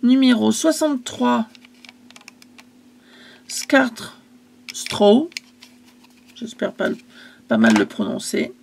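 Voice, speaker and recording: A woman's voice: on the high side, huge pitch swings, moderate pace, gravelly, darkish tone. A woman casually selling her craft supplies in a vlog, chatty and hesitant, stumbling over English product names.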